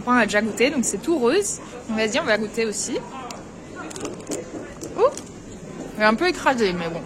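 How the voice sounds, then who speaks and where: Young female travel vlogger, chatty and casual, outdoor street noise. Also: sits high. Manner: chatty, lots of fillers, addresses viewers directly. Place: outdoors at a snowy castle and Christmas market.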